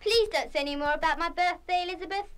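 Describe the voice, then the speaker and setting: Very high-voiced, sweet young schoolgirl. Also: quick pace, a bit bright. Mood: hurt, pleading. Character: shy, lonely, sweet schoolgirl turning eleven. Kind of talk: 1970s full-cast children's radio play acting.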